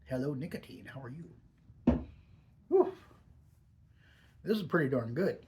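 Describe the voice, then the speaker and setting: A man's voice: medium pitch, very animated, a little slow, noisy background. A man giving a casual, off-the-cuff product review with a lip full of dip pouches, savouring and stressing his words as he goes.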